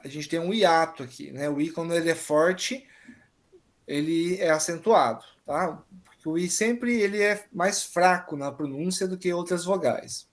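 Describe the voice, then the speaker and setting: A male teacher walks students through grammar points in an online exam-prep class. He is patient and explanatory, and he keeps pausing to check that everyone follows. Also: fairly high pitch.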